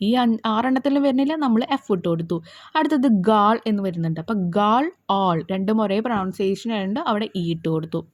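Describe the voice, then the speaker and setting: A woman teacher walking students through exam answers, reading questions slowly and carefully, then explaining briskly. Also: fairly high pitch, a little mellow, dry recording.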